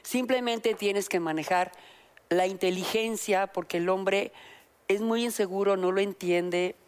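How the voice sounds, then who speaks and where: Mexican lady guest, middle-aged, animated storyteller on a chat show. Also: mid-range voice, unhurried, clean tone. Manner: animated storyteller, acts out voices in quotes. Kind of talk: candid talk-show anecdote.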